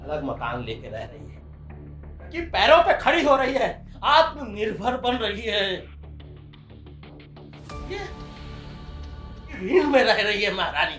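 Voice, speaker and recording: A man's voice: sits high, very animated, slow pace, pauses often, faint music behind, exaggerated voice. A man playing a stern angry father. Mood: scolding. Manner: scolding, rising to shouting. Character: strict angry middle-aged father, traditional. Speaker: actor.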